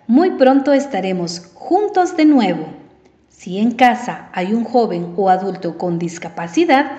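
A woman's voice: a little high, a little mellow, highs cut off. A woman teacher giving a spelling lesson to children, stretching out sample words syllable by syllable and asking the listener questions. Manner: addresses listener directly with questions. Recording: roomy echo.

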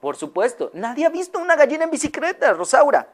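A woman voicing a doting lady who adores her pet hen, in a high, sweet, cooing voice. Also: very animated, fast talker. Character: doting older woman, hen owner, loving.

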